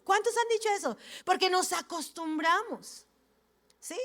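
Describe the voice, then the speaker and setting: High-voiced woman preaching with animation. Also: unhurried. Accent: Peruvian. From Peru. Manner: animated, acts out family members' voices. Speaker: pastor. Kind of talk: sermon with storytelling. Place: church hall.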